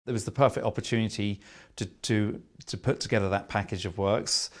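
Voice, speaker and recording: Low-voiced English manager, halting delivery. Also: male voice. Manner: hesitant, repeats words. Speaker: housing association manager. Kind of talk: documentary interview.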